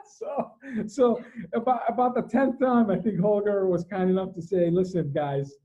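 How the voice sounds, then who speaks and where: Man, co-host, upbeat, introduces guests, high voice, mellow tone. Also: normal speed. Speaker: show co-host. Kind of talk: casual show hosting. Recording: dull lo-fi call audio.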